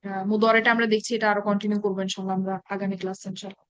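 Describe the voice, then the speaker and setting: A woman teaching an Arabic grammar class in an online meeting, reciting verb conjugations slowly and explaining in quick asides. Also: medium pitch, flat delivery, a bit bright, dry recording. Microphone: online meeting call.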